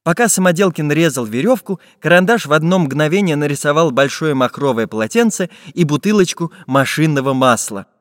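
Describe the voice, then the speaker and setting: A man narrating a children's fairy tale audiobook in a lively storytelling manner. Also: fairly high pitch, brisk, hardly any pauses, no room sound, clean studio sound, big-room sound.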